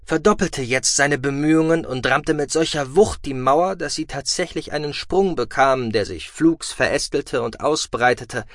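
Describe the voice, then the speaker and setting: Calm male audiobook narrator. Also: mid-range voice, no room sound, clean studio sound. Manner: measured, calm and expressive reading. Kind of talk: scripted narration.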